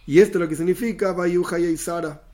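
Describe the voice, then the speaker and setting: A man's voice: sits high, fairly even intonation, a little fast, darkish tone. A man giving a Torah lesson, explaining Hebrew terms and glossing each one in plain language. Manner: explanatory, repeats Hebrew terms then glosses them in Spanish. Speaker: Torah teacher.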